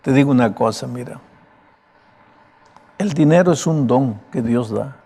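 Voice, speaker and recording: A pastor's raspy, broken voice carries an emphatic, conversational sermon. The man speaks in the mid-range, expressively and at a measured pace, with a dark tone.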